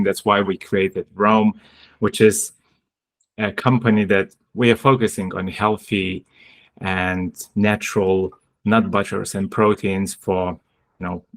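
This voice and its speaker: Slow, low-voiced man. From Lithuania. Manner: hesitant, many fillers and restarts. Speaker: guest speaker, sports medicine doctor. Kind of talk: webinar presentation.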